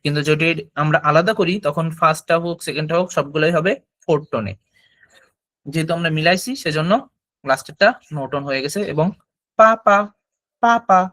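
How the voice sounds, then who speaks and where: A man leads a classroom lesson on Chinese tones. His voice sits a little high for a man, and he explains patiently, saying syllables aloud for the students to copy. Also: steady tone, brisk, a bit bright. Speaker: Chinese language teacher.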